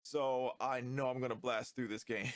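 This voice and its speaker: A man with a stuffy, nasal voice from a cold, giving relaxed, slightly critical commentary on a video game. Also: mid-range voice, normal speed, dry recording. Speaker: gaming YouTuber.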